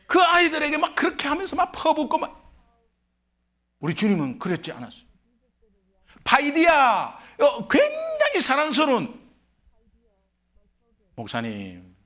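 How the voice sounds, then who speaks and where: A male pastor, from Korea, preaching a sermon in a church sanctuary with emphatic delivery that swings between loud and hushed. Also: fairly high pitch.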